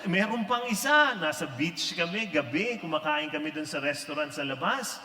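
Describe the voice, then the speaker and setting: A man's voice: a little high, expressive, moderate pace, sharp tone. A middle-aged man preaching a humorous sermon, mixing in English and acting out stories with playful asides. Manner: mixes Filipino and English, jokey, acts out quotes. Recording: echoey hall with faint ambience.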